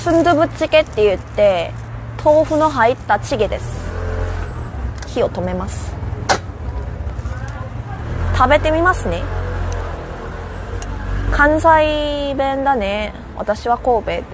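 Speaking slowly and pausing often, this young woman from South Korea answers viewer comments during a rooftop live stream in the city. Her high-pitched, expressive Japanese has a Korean accent with a Kansai lilt. The background is noisy.

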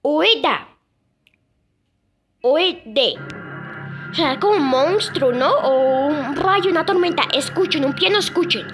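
A young girl casually presenting sound clips, pausing often and repeating "listen" and "I mean". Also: high voice, lively intonation, music in the background. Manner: halting, repeats "escuchen" and "o sea". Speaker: video creator presenting moon sounds.

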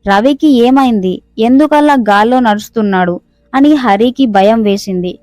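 A woman storyteller reading a scripted horror story in a steady, suspenseful manner. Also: a little high, unhurried, no room sound.

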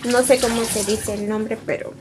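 Mexican woman vlog host, slightly high voice, chatty, noisy home kitchen. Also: steady tone, moderate pace. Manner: chatty, asks questions and relays steps to viewers. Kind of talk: casual cooking vlog.

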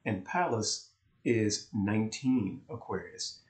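A male astrology co-host talks slowly, his voice on the low side but lively in intonation, as he explains charts in easygoing chat. Laughter comes easily to him. He's recorded in a warm indoor room with noticeable echo.

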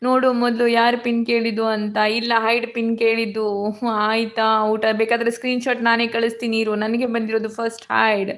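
A woman hosting a casual live stream from her phone in a dark room at home, her voice hoarse and cracking from illness as she greets viewers by name. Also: a little high, flat delivery, moderate pace. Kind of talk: casual live chat reading comments. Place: dark room at home during power cut.

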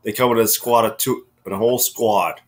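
A man's voice: fairly low pitch, steady tone, fairly quick. A young man giving casual, amused commentary as host of a reaction video. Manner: amused, often chuckling.

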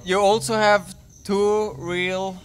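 High-voiced man hosting a travel vlog. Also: little pitch movement, slow. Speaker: host. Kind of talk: casual interview. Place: outdoors.

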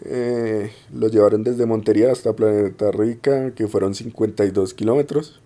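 A young man presenting his degree project in an unhurried, explanatory way, with frequent hesitations. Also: lowish voice, steady tone, dark tone. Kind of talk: informal spoken presentation.

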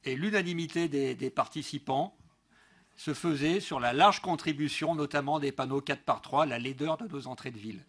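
Here a middle-aged councillor reads out a prepared political speech, formal and emphatic yet stumbling at times. The voice is fairly high, normal in speed, a bit bright and breathy at the edges. It's recorded via gooseneck desk mic in a large indoor council meeting room.

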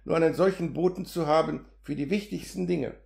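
An impatient male land surveyor, as a man reading an audiobook puts him on, snapping out sharp, exasperated demands in a slightly high voice. The audiobook is recorded in a roomy space with a clear echo. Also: a little fast.

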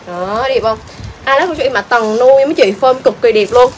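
A woman's voice: on the high side, brisk, a little hiss or hum, low-quality recording. A woman selling clothes on a livestream, chatty and exclaiming, repeating prices over and over. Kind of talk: fast live-selling patter.

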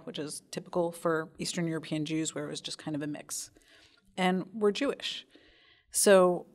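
An American woman, a panel guest, talking about her family background in a chatty, animated way. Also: fairly low pitch. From United States. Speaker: panel guest, business owner. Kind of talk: casual interview talk.

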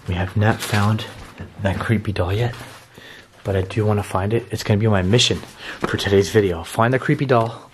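A male vlogger with a fairly low voice talks casually to his viewers. He holds the camera himself indoors, and clear noise runs through the recording. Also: reverberant. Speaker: vlogger and urban explorer host. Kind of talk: casual vlog chat. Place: empty abandoned building indoors at night. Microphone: handheld camera at arm's length. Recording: noisy handheld camera audio.

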